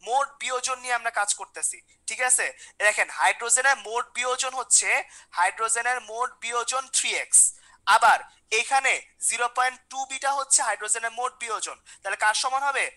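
Woman teacher, quick and high-pitched, coaxing and repetitive. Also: sharp tone, poor audio. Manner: repeats questions, coaxes students by name. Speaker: chemistry teacher. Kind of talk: online class lecture.

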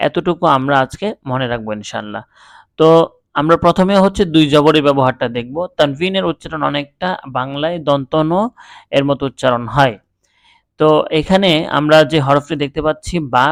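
A man teaching how to read the Quran, speaking patiently and spelling out each letter slowly, then repeating it. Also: on the high side, dry recording. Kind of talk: step-by-step recitation lesson.

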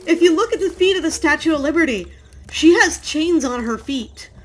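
A woman's voice: high voice, lively intonation, moderate pace, poor audio. A woman casually commenting on a video game she is playing, rambling playfully through asides and jokes. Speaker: let's play host. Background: game music.

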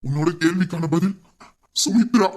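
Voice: medium pitch, very noisy, close to an everyday voice. Voice actor doing a doting guilt-ridden widower. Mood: grieving. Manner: soothing, pleading, slowing into grief. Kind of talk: Tamil audio drama acting.

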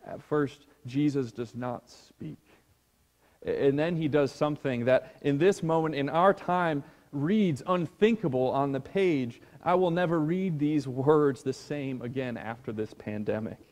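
Guy pastor giving a sermon, real slow, quiet, trails off to near whispers, churchy reverb. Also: a little high. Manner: slow, hushed, dropping to near whispers on key words. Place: church sanctuary.

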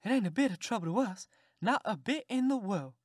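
A woman voicing Aunt Sally, a fussy, sharp-tongued Southern farm aunt who scolds and exclaims. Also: medium pitch, expressive, a little fast, dry recording, clean studio sound, pitched above the performer's own voice, close to an everyday voice. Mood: welcoming.

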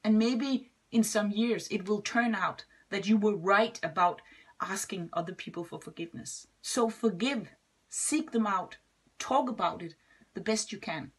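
Woman, husky breathy voice, gentle testimony, soft trailing endings. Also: medium pitch, measured pace. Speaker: schoolteacher and guest speaker. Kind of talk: short personal testimony.

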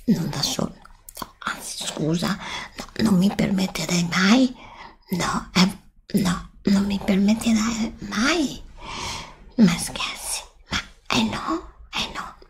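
A woman with a mid-range voice performs an ASMR roleplay as a travel agent, soft-spoken and often whispering, breathy and hesitant. She sits close to a desktop USB microphone.

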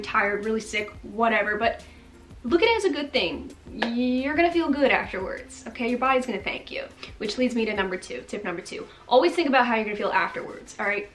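A woman in her twenties giving upbeat fitness tips to camera in a bright bedroom, chatty and coaxing, often checking in with "okay?". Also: on the high side. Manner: energetic, chatty, coaxing with frequent "okay?" and big hand gestures. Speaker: fitness vlogger. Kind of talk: upbeat motivational talk to camera.

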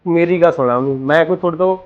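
Actor as a rapid insistent young son, high-pitched, complaining, short film acting. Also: male voice, lo-fi sound, close to an everyday voice. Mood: aggrieved. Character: young man, aggrieved son working night duty.

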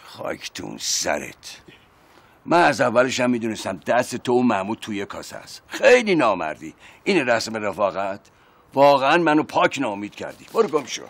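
A man's voice: on the low side, big pitch swings, gravelly, breathy edge, exaggerated voice. An actor playing Aziz, a chummy, theatrical middle-aged man in a TV comedy series who scolds a friend for betrayal.

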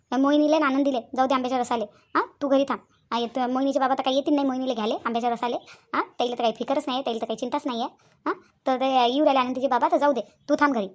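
A woman's voice: high voice, natural voice. A woman with a Vidarbha Marathi accent voicing an ailing, complaining old mother-in-law who grumbles and scolds in a cartoon. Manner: grumbling, self-pitying, scolding. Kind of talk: cartoon voice acting.

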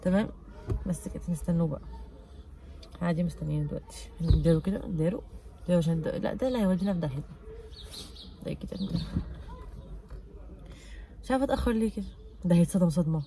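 A young woman with an Egyptian Arabic accent, chatting fast and teasingly while pranking her husband on the street. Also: on the low side, a little hiss or hum. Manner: fast, teasing, stubbornly calm. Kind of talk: casual prank vlog chat. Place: outdoors on a street.

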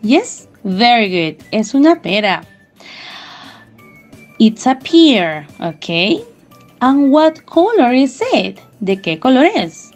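Slow sing-song preschool teacher, woman. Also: on the high side, big pitch swings, darkish tone, dull audio. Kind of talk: bilingual lesson for small children. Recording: faint music behind.

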